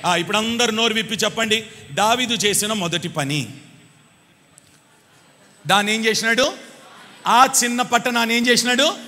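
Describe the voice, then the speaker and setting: High, bright-voiced preaching man. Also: normal speed, pauses often. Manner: calls on the congregation to answer louder; rhetorical questions, swings between loud cries and quiet asides. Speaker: pastor. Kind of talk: sermon. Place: church hall. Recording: long reverb of a church hall.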